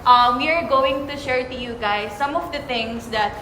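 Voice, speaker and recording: A woman's voice: sits high, moderate pace, pushed and bright, a little hiss or hum. A woman with a Filipino accent hosting a casual podcast chat while eating, upbeat and switching between English and Tagalog. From Philippines. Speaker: membership consultant and podcast host. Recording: echoey room.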